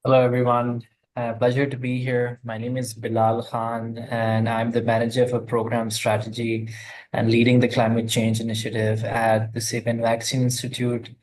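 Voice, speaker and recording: Monotone man. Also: medium pitch. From Pakistan. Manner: halting, repeats words. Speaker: program manager. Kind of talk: online panel introduction.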